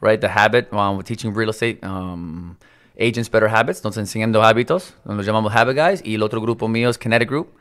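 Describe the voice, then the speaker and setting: A man's voice: lowish voice, a little fast, fairly bright tone. A man raised in California and Miami, a real estate mentor who talks casually as a radio guest and mixes English and Spanish. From United States, raised in Miami. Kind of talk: bilingual casual interview.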